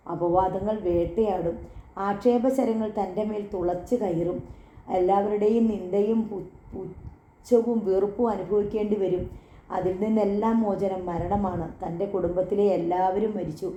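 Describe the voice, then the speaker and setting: A woman's voice: mid-range voice, mellow, echoey room, lo-fi sound. A woman reading a dramatic novel aloud as an audiobook narrator, telling the story earnestly and voicing the characters' dialogue.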